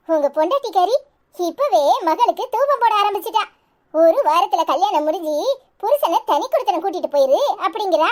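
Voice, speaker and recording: Woman as a scolding cartoon mother-in-law, Tirunelveli accent, very high voice. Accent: Tirunelveli Tamil. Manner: scolding, indignant. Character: groom's mother, middle-aged woman, proud and sharp-tongued.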